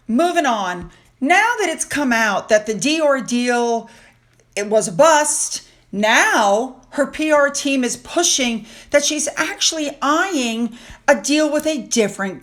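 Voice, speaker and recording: A woman's voice: a little high, a bit bright. A woman talking casually over photos in a chatty, gossipy commentary with sighing asides. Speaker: royal news vlogger.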